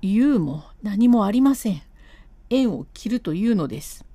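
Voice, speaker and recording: A woman's voice: lively intonation, moderate pace, dark tone, dry recording, lightly acted. A woman voicing an older male master painter who keeps apologizing yet refuses to give in, in a storybook reading of a classic comic tale. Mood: exasperated. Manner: lowered voice, pleading and firm by turns.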